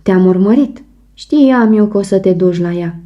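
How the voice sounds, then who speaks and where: A woman's voice: mellow, close to an everyday voice. A woman narrator voicing a distraught, jealous wife who wails and pleads tearfully. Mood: hysterical pleading. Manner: wailing, pleading, shrill. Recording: muffled audiobook recording.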